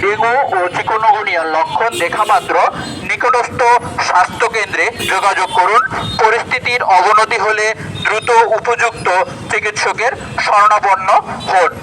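High-pitched Bangladeshi man announcing through a megaphone. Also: fairly even intonation, moderate pace, over music, low-quality recording. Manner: addressing residents through a megaphone. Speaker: volunteer making a public health announcement. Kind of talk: read-out public service announcement.

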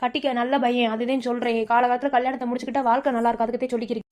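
A woman's voice: a little high, little pitch movement, rapid-fire, a little mellow, close to an everyday voice. A woman voicing a bossy elder sister in a cartoon, persuading insistently with a Madurai accent. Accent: Madurai Tamil.

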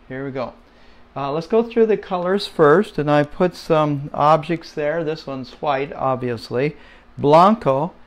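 A man giving a casual home-made Spanish lesson, slow and patient, with many fillers, repeating words for listeners to say along. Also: a little high. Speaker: Spanish teacher.

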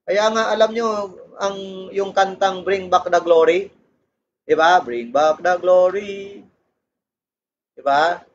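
A man's voice: a little high, muffled recording, a little hiss or hum. A man preaching a sermon in a mix of Tagalog and English, often asking "Amen?" and "di ba?" as he speaks. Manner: animated Taglish preaching, frequent "Amen?" and "di ba?". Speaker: pastor. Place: church service.

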